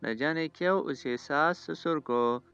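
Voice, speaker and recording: Smooth-voiced male storyteller, dull lo-fi audio. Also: fairly high pitch, a bit bright. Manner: measured, storytelling delivery. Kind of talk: scripted story narration. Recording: dull lo-fi audio with faint music behind.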